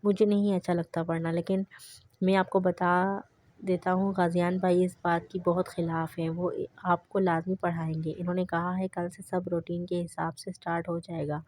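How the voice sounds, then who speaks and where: A woman reading the lines of a playful, mischievous young man in an audiobook novel, in a flat, even voice. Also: fairly low pitch, a little hiss or hum, natural voice. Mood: teasing.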